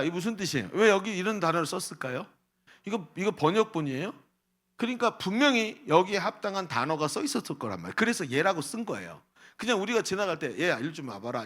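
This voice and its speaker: Man, middle-aged, pastor, sermon, high voice, very lively pitch, questions the congregation. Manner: animated, asks the congregation questions and acts out quoted voices. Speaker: senior pastor. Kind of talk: lively sermon to a youth service.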